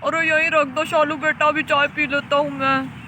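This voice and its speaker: A fussing middle-aged village father who grumbles and shouts for tea against the cold, as a woman puts him on. The voice sits very high for a man. Steady hiss runs under the recording. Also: moderate pace. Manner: loud complaining calls. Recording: noisy home recording.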